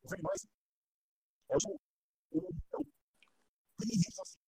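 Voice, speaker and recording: A man's voice: very high-pitched, a little slow, vocal fry, no room sound. A man chatting casually and slangily about music, his voice coming through poor, distant-sounding online call audio. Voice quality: slangy, relaxed talker. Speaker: podcast panelist.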